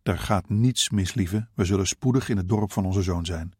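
A man's voice: low voice, normal speed, darkish tone, husky, no echo, clean studio sound. A man playing a weary elderly husband who speaks politely to strangers and soothes his wife. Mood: soothing. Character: weary old husband, gentle and courteous.

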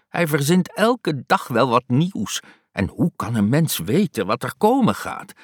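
A man voicing a fussy, soft-hearted old aunt who scolds in a shrill, exasperated way, in an audiobook reading. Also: no room sound, clean studio sound.

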